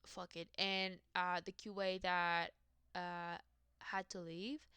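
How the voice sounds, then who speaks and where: A woman's voice: fairly low pitch, flat delivery, takes it slowly, sharp tone, clean tone, dry recording. A young adult woman in a rambling, profane, self-mocking casual rant about her work. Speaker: vlogger.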